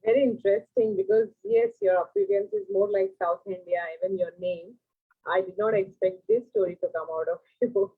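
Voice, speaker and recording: A woman's voice: mid-range voice, very animated, fairly quick, breathy edge. A woman hosting a live talk, reading the guest's introduction and asking questions politely, stumbling now and then. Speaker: host. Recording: thin phone-like line.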